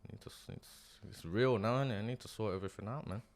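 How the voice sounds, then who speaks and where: A young man with a low voice talks in a relaxed interview. His speech is slangy and earnest, full of small restarts and tag questions. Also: rapid-fire, creaky. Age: young adult. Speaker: guest, property investor. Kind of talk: casual interview chat.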